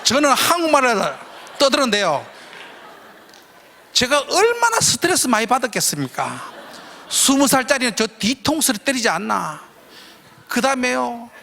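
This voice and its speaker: A man preaching in a large church, telling an animated story with a high, bright voice that swings widely in pitch. His tone has a gravelly edge, and the sound rings out with a long hall echo. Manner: animated storyteller who acts out his own shouting. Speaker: guest preacher. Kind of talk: storytelling sermon.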